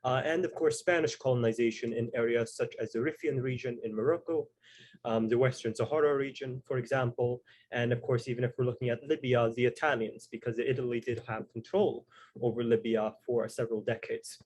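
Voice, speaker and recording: A man hosts a panel discussion over a video call. He explains things at a measured pace, often pausing with fillers as he introduces each guest. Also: medium pitch, steady tone, darkish tone. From Tuareg heritage. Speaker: host and moderator.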